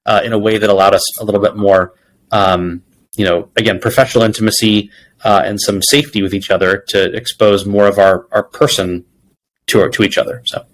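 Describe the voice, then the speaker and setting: The audio is poor, with a little hiss or hum, as a man with a steady, low-side voice speaks briskly. He is a people executive being interviewed, answering in a conversational way and sharing reflective stories with quoted lines of dialogue.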